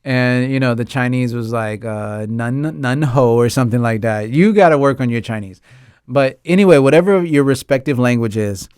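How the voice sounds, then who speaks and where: A man's voice: mid-range voice, normal speed, a little mellow, smooth, no echo, studio quality. A man hosting a casual talk about a TV drama, ranting emphatically with lots of repetition and frequent laughs. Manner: laughs often. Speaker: host; English teacher.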